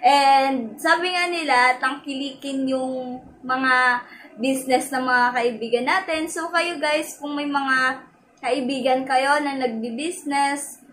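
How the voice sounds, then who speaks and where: A woman's voice: sits high, steady tone, slow pace, a little hiss or hum. A young Filipino woman chatting casually in a try-on haul vlog, chatty and giggly, mixing English into her talk. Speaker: vlogger. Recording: echoey room with loud background music. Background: loud upbeat pop music.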